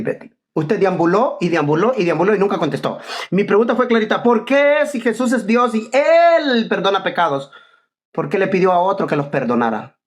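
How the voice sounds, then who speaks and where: A man arguing as a preacher in a heated online debate, firing off rhetorical questions and repeating his opponent's name. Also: sits high.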